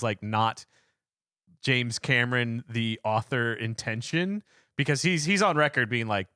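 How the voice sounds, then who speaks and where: A man co-hosting a casual podcast, thinking aloud with many fillers and pauses. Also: medium pitch, bright, forceful tone, clean tone, dry recording, clean studio sound. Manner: hesitant, filler-heavy musing. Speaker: podcast co-host.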